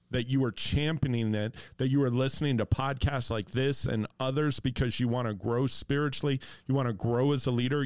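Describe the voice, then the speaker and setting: Podcast cohost guy, smooth resonant voice, affirming preachy rhythm, dry sound. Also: medium pitch, no room sound. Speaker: podcast co-host. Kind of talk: casual podcast chat with encouragement.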